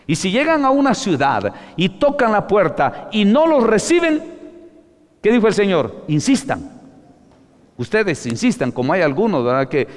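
Male preacher, animated sermon delivery, loud peaks and near-whispers, long hall echo. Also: sits high, moderate pace. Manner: swings between loud exclamations and hushed asides; addresses listeners as brother.

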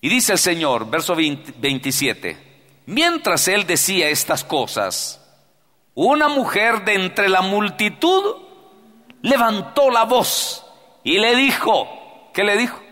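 A man preaching a sermon as pastor, swinging between loud cries and hushed prayer. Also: high voice, sing-song, takes it slowly. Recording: long hall reverb.

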